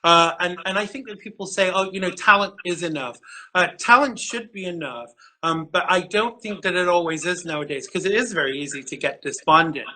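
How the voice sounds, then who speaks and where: Hosting a live interview show, this middle-aged man gushes like a fan, chatting freely and tripping over himself with fillers and restarts. He speaks a little fast in a high, pushed, bright voice, captured on a rough recording.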